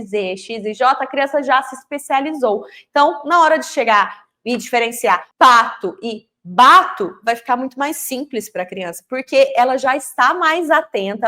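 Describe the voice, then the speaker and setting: A woman's voice: fairly high pitch, a bit bright. Brazilian woman teaching letter sounds. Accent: Brazilian Portuguese. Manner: demonstrates letter sounds, explanatory and emphatic. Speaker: literacy teacher. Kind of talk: instructional explanation.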